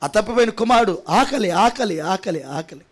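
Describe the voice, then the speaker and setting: A male pastor with a notably high voice delivers a sermon, piling up repeated phrases. He drops to quiet, intimate asides and then climbs to shouted, ringing peaks. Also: lively intonation, moderate pace. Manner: emphatic, repetitive preaching, swinging from quiet to shouted. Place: church prayer hall.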